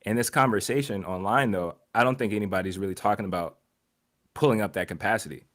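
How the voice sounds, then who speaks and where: A man with a low voice co-hosts a podcast, thinking aloud with frequent restarts. He often slips into quoting imagined people to make a point. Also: fast. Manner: reflective, repeats words while thinking; voices other people in quotes. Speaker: podcast co-host. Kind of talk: casual discussion.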